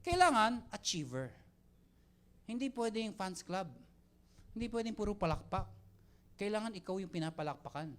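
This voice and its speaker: A young man giving a lively motivational talk to a live audience, joking and quizzing the crowd as he mixes Tagalog and English. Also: high voice, normal speed, long pauses. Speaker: mentor speaking to network marketing team.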